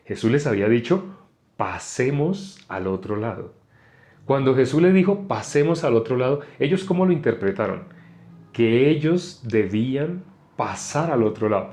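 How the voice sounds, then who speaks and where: A man's voice: mid-range voice, animated, moderate pace, darkish tone. A man preaching an informal Bible teaching. He talks in a conversational way and keeps asking his listeners questions. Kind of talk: informal sermon on a live stream.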